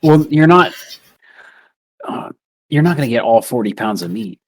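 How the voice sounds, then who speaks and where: A man's voice: medium pitch, lively intonation, moderate pace. A man running a tabletop game as game master, narrating loosely and casually with some swearing.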